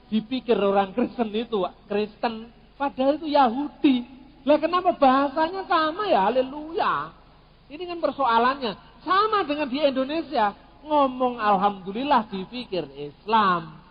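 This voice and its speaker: A middle-aged man gives an animated, joking talk on theology, dropping in words. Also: extremely high pitch, moderate pace. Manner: animated, jokey, mixes in Javanese words. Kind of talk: lively teaching talk with humor. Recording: dull sound in a long-echoing hall.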